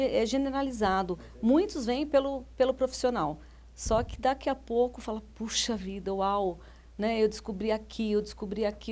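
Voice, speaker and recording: A woman's voice: mid-range voice, warm tone. A woman with a Brazilian Portuguese accent, a life coach answering interview questions, telling stories and quoting her clients. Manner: anecdotal, quotes clients' words, many restarts.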